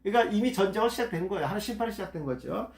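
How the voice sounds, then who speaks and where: A man's voice: high voice, animated, racing, creaky, echoey room. A man leading a Bible study lecture, reading passages aloud and explaining words, often repeating key terms. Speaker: Bible teacher.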